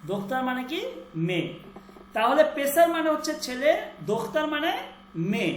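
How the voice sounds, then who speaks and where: Woman, language teacher, repetitive drilling, quizzing students, slightly high pitch, roomy echo. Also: animated, slight background noise. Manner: drills words by repeating them slowly, quizzes students. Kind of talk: online class lesson.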